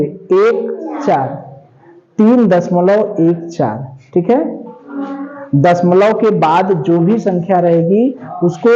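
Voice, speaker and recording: A man's voice: sits high, dark tone, lo-fi sound. A male teacher giving a math lesson, repeating each step and asking questions that he answers himself. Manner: repetitive, asks questions and answers them himself; slow, drawn-out step-by-step explaining.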